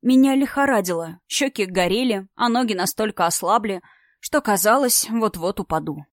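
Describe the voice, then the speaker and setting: A woman narrating an audiobook in the first person, steady and expressive. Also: mid-range voice, moderate pace, dry recording, clean studio sound.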